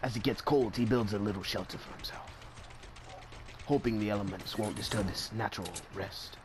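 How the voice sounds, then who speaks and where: A man voicing a solemn, awed nature documentary narrator in a deliberate, dramatic mock-wildlife commentary. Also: fairly low pitch, background noise, voice pushed down, natural voice. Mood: grave, dramatic. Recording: music behind the voice.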